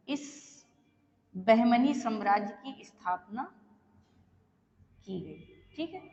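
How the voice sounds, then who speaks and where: A woman teacher giving a slow, repetitive exam-prep lecture, pausing often to check that her students are following. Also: a little high, big-room sound, highs cut off.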